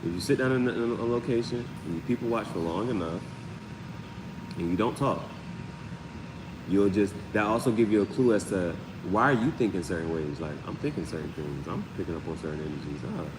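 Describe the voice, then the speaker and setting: Speaking a little fast in a deep voice, a man hosts an off-the-cuff live tarot reading in a loose, casual way. Repeated phrases, slang and sound words fill his patter, heard over a long, roomy reverb and a clear, constant hiss of background noise.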